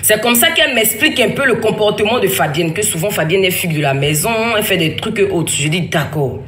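A woman's voice: mid-range voice, lively intonation, fast, fairly bright tone. A woman in her thirties tells a family story in a roomy, echoing space, with a faint hiss of background noise behind her. She talks in a rambling, emphatic way and keeps restarting her sentences. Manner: rambling, emphatic, with frequent restarts and quoted dialogue. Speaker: mother telling her story. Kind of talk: casual spoken testimony. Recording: echoey room with faint ambient noise.

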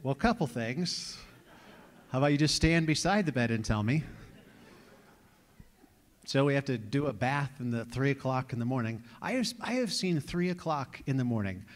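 A man's voice: mid-range voice, animated, moderate pace, pauses often. A man in his forties from New York, preaching a sermon as lead pastor and telling wry, conversational stories. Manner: joking, conversational storytelling. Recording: long reverb of a large hall.

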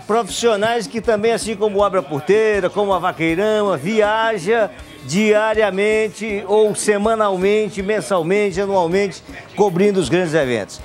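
A middle-aged man with a Northeastern Brazilian accent presenting and interviewing on location, like a hyped rodeo announcer, into a handheld mic. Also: high-pitched. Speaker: TV show presenter and reporter. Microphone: handheld microphone. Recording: outdoor TV report with faint music bed.

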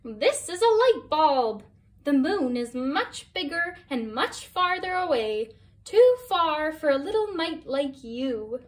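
Lady doing a big snooty fly, slow n condescending, kinda far off mic. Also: sits high, very animated, pitched above the performer's own voice, heavily acted. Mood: dismissive. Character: huge lofty fly, dismissive.

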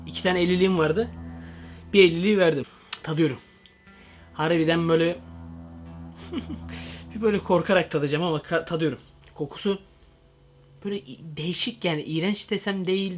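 A young man in a comedic parody vlog, talking in an excitable, slangy way with jumpy asides. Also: a little high. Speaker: comedy vlogger.

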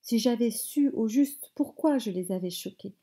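A woman teacher reading a novel aloud in measured phrases, stopping to explain words. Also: on the high side, lively intonation, mellow. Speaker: French teacher.

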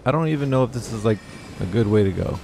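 A man's voice: on the low side, expressive, fast, creaky, darkish tone, slight background noise. A young man giving casual, profane commentary while playing a video game, talking back to the enemies on screen. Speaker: gaming YouTuber. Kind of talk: casual let's play commentary. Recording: game music behind voice.

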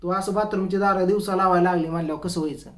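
A man's voice: sits high, fairly even intonation, rapid-fire, a bit bright. Grumbling man in a comic vlog. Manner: grumbling, exasperated storytelling. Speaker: comedian. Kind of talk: comic vlog monologue to camera.

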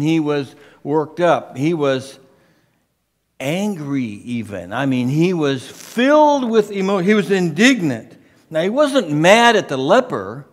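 A man's voice: a little high, big-room sound. A man preaching a sermon as pastor, emphatic and conversational, often repeating his phrases for stress. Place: church sanctuary.

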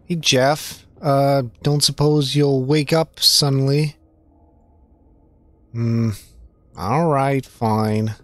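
A man's voice: mid-range voice, steady tone, extremely slow, pauses often, no echo. A young man giving playful, joking commentary while playing a point-and-click game. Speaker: streamer. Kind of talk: casual gaming commentary.

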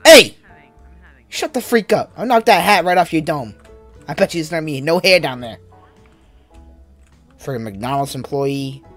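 Animated, indignant young man. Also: a little high, moderate pace, pauses often, faint music behind. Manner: comically indignant, slangy. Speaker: streamer playing social VR. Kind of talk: casual banter with strangers in a VR game.

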